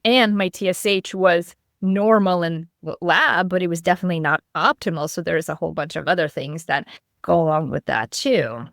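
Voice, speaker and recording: A gravelly, lowish voice at a moderate pace belongs to a middle-aged Lithuanian woman, a clinical nutritionist interviewed on a podcast. She relates a personal story casually, acting out lines of dialogue, in a dry, studio-quality recording.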